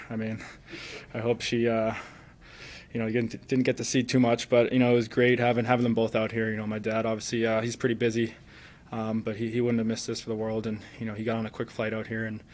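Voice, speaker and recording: Young guy at a press conference mic, earnest, lots of "you know", pretty flat delivery. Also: mid-range voice. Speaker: hockey player. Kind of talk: postgame press conference answers. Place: arena press room. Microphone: table mic in front.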